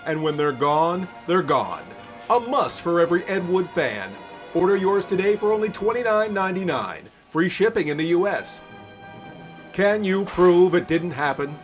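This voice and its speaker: A man delivers a scripted sales pitch. His voice sits high for a man. Faint music runs behind him. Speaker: advertising announcer.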